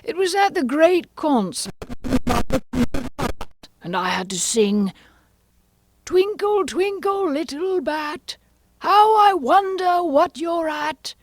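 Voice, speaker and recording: A woman puts on an eccentric storybook hatter, a huffy man pitched very high. Words are stretched out and hit hard, with theatrical emphasis. The melody leaps up and down constantly. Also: big pitch swings, noisy background, exaggerated voice. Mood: aggrieved, dramatic. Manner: emphatic, drawn-out, theatrical delivery. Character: eccentric, huffy male Hatter at mad tea party.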